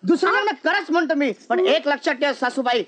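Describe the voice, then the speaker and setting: A man's voice: extremely high pitch, lively intonation, fairly quick, a bit bright. An actor playing a scheming young husband who mocks his in-laws in a taunting, sarcastic way, in a film scene. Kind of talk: film acting.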